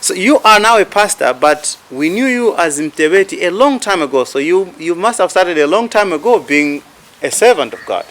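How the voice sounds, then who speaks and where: A man's voice: sits high, expressive, normal speed, fairly bright tone. A man hosting an interview, asking curious questions and short follow-ups. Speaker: talk show host.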